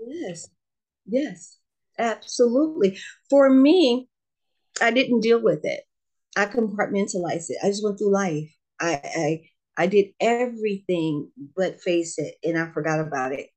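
A woman's voice: medium pitch, unhurried, darkish tone. A middle-aged woman, a guest in an interview, speaking earnestly and emphatically about faith and loss, often repeating her phrases. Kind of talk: testimony interview.

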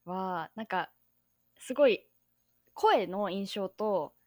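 A woman's voice: mid-range voice, expressive, slow pace, no room sound, studio quality. A young woman from Tokyo, a podcast host, chatting in a bubbly, self-deprecating way over a remote call. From Tokyo, Japan. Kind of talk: casual podcast chat.

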